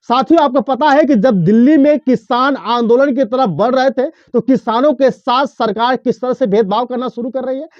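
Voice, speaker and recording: A man's voice: very high-pitched, no echo, highs cut off. A man presenting explanatory news commentary, emphatic and rhetorical, addressing listeners directly.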